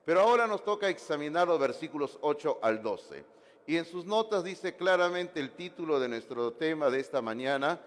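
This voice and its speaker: A man preaching a sermon as pastor, animated, with asides and jokes to the congregation. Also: a little high, long reverb tail. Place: church sanctuary.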